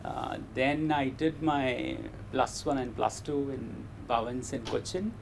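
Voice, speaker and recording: Male interview guest, educated Indian English accent, measured and articulate, gravelly creak, faint background noise. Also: mid-range voice. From Kerala, India. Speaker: interview guest, meteor scientist. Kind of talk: interview answers, personal storytelling.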